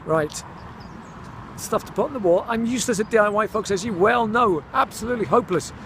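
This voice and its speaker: A man's voice: high voice, a little fast, fairly bright tone, a little hiss or hum. A middle-aged man, born in Scotland and raised in England, chatting casually to camera in a daily vlog, self-mocking and calling his viewers folks. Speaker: vlogger.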